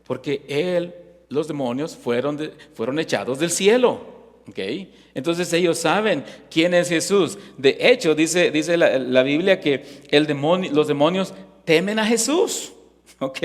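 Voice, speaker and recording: A man's voice: fairly high pitch, lively intonation, measured pace. A male pastor preaching a sermon in a church, emphatic and full of rhetorical questions, often checking in with "ok?". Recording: echoey hall reverb.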